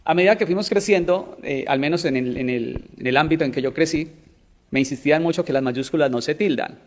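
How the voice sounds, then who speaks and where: A man's voice: on the high side, fast. A man hosting a TV segment, posing questions and recapping the answers for viewers. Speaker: host. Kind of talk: TV interview questioning. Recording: long echoing reverb.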